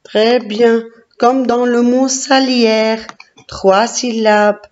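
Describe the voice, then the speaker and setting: A woman teacher leading a classroom phonics lesson, slowly sounding out syllables and praising each child. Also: on the high side, steady tone, darkish tone. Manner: slow, encouraging, sounding out syllables. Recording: dull lo-fi recording.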